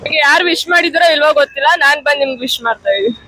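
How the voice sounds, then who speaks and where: A young woman vlogging on the street, wishing strangers a happy Mother's Day, coaxing and repeating herself warmly. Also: high-pitched, racing, slight background noise, poor audio. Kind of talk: street vlog, greeting strangers. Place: outdoors on a street.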